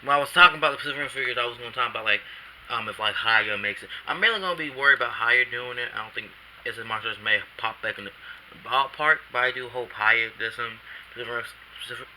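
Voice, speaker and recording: Man, very bright voice, drowsy rambling toy review, camcorder, faint background hiss. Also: mid-range voice, fast, poor audio. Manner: rambling, self-correcting, casual slang. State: drowsy after a nap. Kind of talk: casual figure review vlog.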